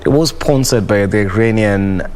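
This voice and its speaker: A man's voice: fairly low pitch, normal speed, a little mellow, a little hiss or hum. A man from Kenya hosting a studio sports discussion, asking probing questions with many "you know" fillers. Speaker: sports show host.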